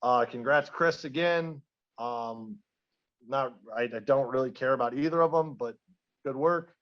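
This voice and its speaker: A man's voice: medium pitch, measured pace. Man with a dull lo-fi sound. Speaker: podcast host. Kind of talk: casual podcast chat.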